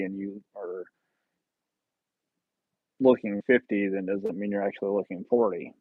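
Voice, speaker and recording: A man's voice: fairly low pitch, creaky, husky, dry recording. Guy in his 30s rambling and cracking jokes on a live stream, tinny phone-ish sound, super dry. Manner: jokey, rambling, self-teasing. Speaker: livestream host. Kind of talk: casual livestream chat with viewers.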